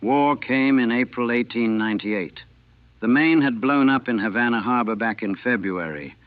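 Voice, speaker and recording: A man's voice: mid-range voice, normal speed, no room sound. A man in his sixties, a navy veteran, recalling a battle in a plain, matter-of-fact way on an old 1940 recording. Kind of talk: first-person war reminiscence. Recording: thin, dry, phone-like old recording.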